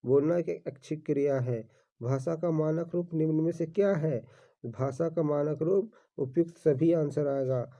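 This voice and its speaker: A man's voice: a little high, unhurried, warm tone. A man teaching exam-prep questions, reading each question and repeating the answer while calling viewers his friends. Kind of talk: exam-prep quiz walkthrough. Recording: dull lo-fi recording.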